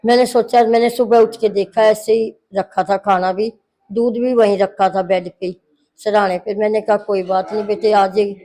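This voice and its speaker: A woman's voice: mid-range voice, steady tone, moderate pace, mellow, poor audio. A middle-aged woman, the mother-in-law in the story, recounting a family quarrel to a reporter, narrating at length and quoting what each person said. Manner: long narration full of quoted dialogue.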